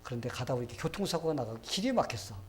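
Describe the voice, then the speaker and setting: A man's voice: medium pitch, expressive, rapid-fire, a little hiss or hum. A man from Korea preaching a sermon as pastor, asking rhetorical questions and acting out quoted people. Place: church sanctuary.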